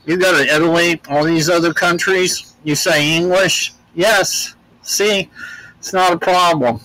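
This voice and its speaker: A man's voice: a little high, fairly even intonation, unhurried, pushed and bright, dry recording, rough recording. An older American man talking as an interview guest, telling travel stories in a rambling, plainspoken way with frequent restarts. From United States. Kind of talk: relaxed storytelling in an interview.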